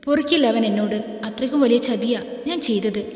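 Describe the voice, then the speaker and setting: A woman's voice: fairly high pitch, fast talker, dark tone, natural voice. A woman voicing a guilt-ridden young man who speaks in a broken, pleading way. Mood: tearful. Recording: echoey room with long reverb.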